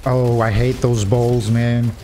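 Slow-talking excitable man narrating gameplay. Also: mid-range voice, a little hiss or hum. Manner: excitable, talks to viewers, frequent exclamations. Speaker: gameplay commentator. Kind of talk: casual gameplay commentary.

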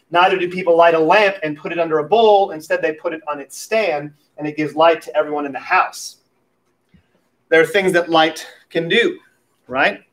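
A man's voice: a little high, a bit bright. A man preaching a sermon at a pulpit microphone as pastor, talking in a conversational way with light humorous asides.

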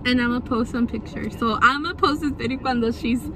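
A woman's voice: fairly high pitch, a little fast. A young woman vlogging in casual chat, swearing freely and slipping Spanish words into her English. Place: outdoors after a photoshoot. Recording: noisy outdoor ambience with traffic.

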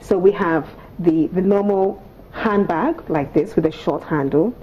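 Prim, precise Nigerian woman, lowish voice. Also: measured pace, slightly rough, highs cut off. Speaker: etiquette coach, studio guest. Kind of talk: explanatory talk on a TV morning show. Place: TV studio on a sofa set.

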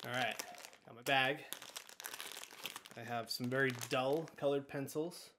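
Excitable man vlogging slowly. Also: mid-range voice, noisy background. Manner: excitable, bursts into loud disbelief and laughter. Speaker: video creator. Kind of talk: casual vlog.

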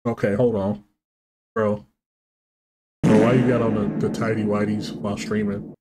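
A man's voice: fairly low pitch, flat delivery, normal speed. A man in his thirties giving casual, slangy, teasing commentary as host of a gaming reaction show. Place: small room at home. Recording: noisy home recording with clicks.

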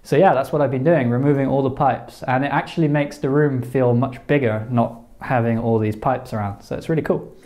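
A young man calmly explaining renovation work in a brick-walled farmhouse room. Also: medium pitch, a little fast. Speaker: home renovator. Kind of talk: casual explanation on camera.

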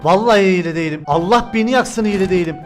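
Young male gaming streamer, high-pitched, excitable and joking live commentary, faint music underneath. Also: racing. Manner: excitable, joking, shouts often.

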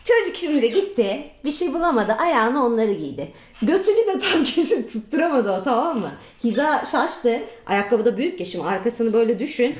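A woman with a fairly high voice tells funny stories in a relaxed, chatty vlog. She talks crudely and laughs a lot. The sound carries a roomy echo. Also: a little fast. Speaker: vlogger. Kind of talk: casual storytelling vlog.

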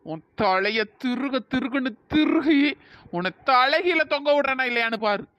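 A woman's voice: sits high, lively intonation, moderate pace, no echo. A woman voicing an angry, threatening female ghost in a cartoon, with a dull lo-fi sound. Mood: menacing. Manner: menacing, scolding. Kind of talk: cartoon voice acting.

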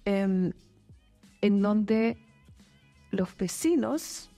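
A woman's voice: medium pitch, expressive, very slow, warm tone, soft background music. A woman in her fifties from Chile, a guest talking thoughtfully in an office studio interview, with many fillers and restarts. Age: 50s. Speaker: guest, company manager. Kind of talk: casual interview chat. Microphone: desk boom mic.

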